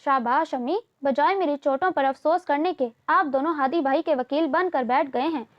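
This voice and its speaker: Woman reading an indignant young college girl, sarcastic and sulky, high voice, slightly dull recording. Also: normal speed, lightly acted.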